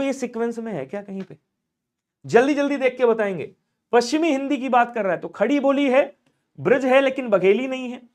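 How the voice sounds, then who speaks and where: A man teaching an online exam-prep Hindi class, firing questions and answering them himself in call-and-response. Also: high voice.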